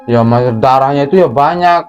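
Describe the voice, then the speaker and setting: Over muffled audio and background music, a man in a medium-pitched voice tells a true horror story as a guest, fairly quickly and in a casual tone. He gets animated, performing the screams and crashes himself.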